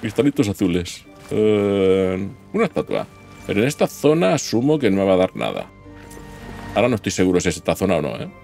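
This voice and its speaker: A man's voice: low-pitched, very animated, a little fast, gravelly, darkish tone. A man giving casual gameplay commentary, chatting to himself as he plays and letting out sudden yelps. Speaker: gaming YouTuber. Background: game music.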